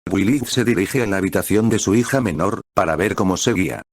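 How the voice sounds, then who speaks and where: A man reading fan fiction aloud in steady, plain narration. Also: low voice, fairly quick, no echo, studio quality. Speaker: story reader.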